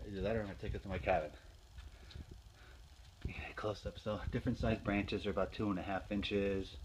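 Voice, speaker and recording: The recording is low quality with a little hiss or hum, capturing a man's fairly low, darkish voice. He's a hobby woodworker from Northeastern Pennsylvania giving a casual show-and-tell of his projects in his home garage to a handheld phone camera. His speech is plain and unhurried, with fillers and restarts.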